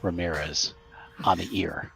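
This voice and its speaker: A man's voice: low-pitched, fairly even intonation, a little slow, creaky, a bit bright, rough recording. A man acting as game master, narrating a tabletop horror game to his players. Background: music.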